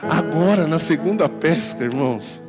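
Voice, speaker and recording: A pastor with a Brazilian Portuguese accent preaching a sermon, emphatic and full of repeated rhetorical questions. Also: male voice, fairly high pitch, lively intonation, moderate pace. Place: church service. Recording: music playing under the voice.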